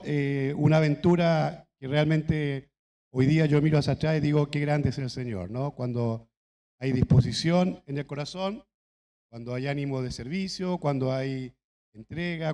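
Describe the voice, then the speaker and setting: Chilean-born pastor in an echoing church. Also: male voice, a little high, a little mellow. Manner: conversational storytelling with laughs and asides. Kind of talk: anniversary sermon with anecdotes. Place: church hall.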